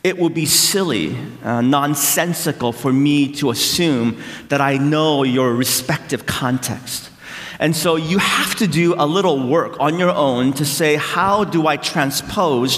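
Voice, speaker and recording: A middle-aged man, born in South Korea, delivers a conversational sermon full of gentle self-deprecating jokes and thoughtful pauses. His voice rings through a big hall with a long, lingering echo. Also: fairly high pitch. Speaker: pastor. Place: large hall. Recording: echoey hall with long reverb.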